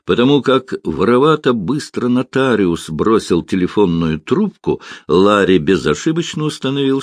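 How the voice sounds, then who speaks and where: Man, audiobook narration, expressive reading, lively intonation, dry close sound. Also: on the low side, no room sound. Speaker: audiobook reader.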